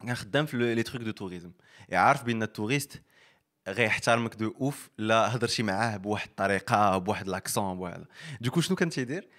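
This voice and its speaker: A man's voice: fairly low pitch, very fast. A man with a Moroccan accent, hosting a podcast in casual chat and telling stories animatedly, mixing in French. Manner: animated storytelling, mixing French into his speech.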